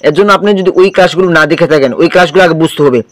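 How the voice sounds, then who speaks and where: A man's voice: fairly high pitch, rapid-fire, no room sound. Patient male Quran teacher, dry sound. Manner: patient, repetitive drilling with questions to the viewer. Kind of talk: recorded lesson, drilling letter sounds.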